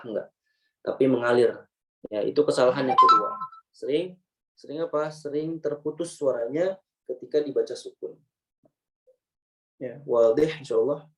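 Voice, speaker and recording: A man teaching Quran recitation rules with an Indonesian accent, explaining step by step and slowly demonstrating example words. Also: medium pitch, rough recording. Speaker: tajwid teacher.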